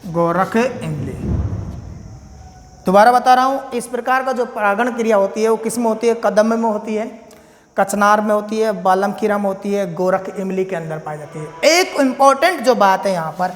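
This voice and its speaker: A man's voice: sits high, brisk. A male teacher giving a biology lesson, repeating key points and asking and answering his own questions. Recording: echoey room with long reverb.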